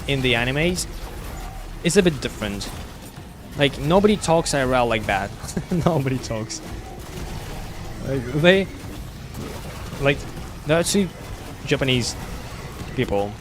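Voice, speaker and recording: A man streaming a game and chatting casually with his viewers, his English carrying a slight British tinge. He speaks in a halting, stop-start way, full of fillers and restarts. His voice sits at an ordinary middle pitch, with a steady noise running underneath. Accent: slight British-sounding English, learned at school. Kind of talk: casual chat while gaming live.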